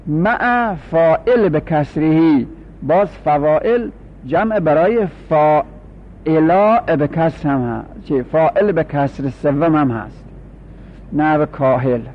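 A man teaching a grammar class, explaining slowly and repeating each form for his students. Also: fairly high pitch. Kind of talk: classroom lecture. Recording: dull lo-fi recording with faint hum.

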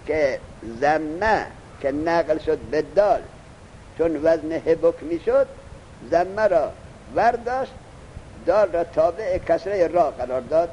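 A man teaching a lesson. He reads the text slowly, explains it, and keeps asking his student questions. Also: fairly high pitch, expressive, darkish tone, dull audio, a little hiss or hum. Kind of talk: classroom lesson.

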